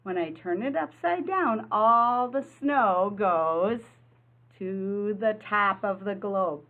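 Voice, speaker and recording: With phone-quality sound, a woman who teaches preschool presents a children's lesson and reads a picture book aloud, using simple explanations and prompting questions. Her mid-range voice is expressive, and she speaks slowly.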